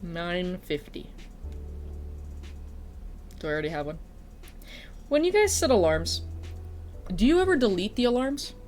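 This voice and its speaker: Her mid-range voice is very animated yet a little slow, a bit mellow, with long pauses, and soft music plays underneath. This female streamer and teacher chats casually while streaming, sniffly from a stuffy nose, swearing and self-deprecating.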